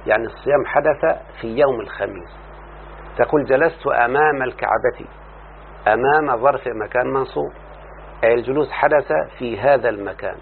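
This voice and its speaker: A man with an Egyptian accent teaching a classroom lesson, explaining slowly and often checking that his students follow. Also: mid-range voice, creaky. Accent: Egyptian Arabic. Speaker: teacher of Arabic morphology. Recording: tinny lo-fi line with faint hum.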